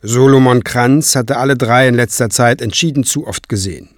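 A man narrating an audiobook with lively, expressive delivery. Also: mid-range voice, normal speed, dry recording, studio quality. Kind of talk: scripted narration.

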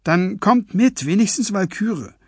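A man voicing a nervous, high-strung young man with an anxious delivery in a husky voice. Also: expressive, unhurried, darkish tone, dry recording, heavily acted.

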